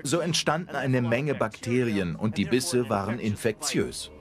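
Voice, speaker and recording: A man's voice: mid-range voice, a little slow. A man giving expert commentary as an interview voice-over in a nature documentary. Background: prominent background music.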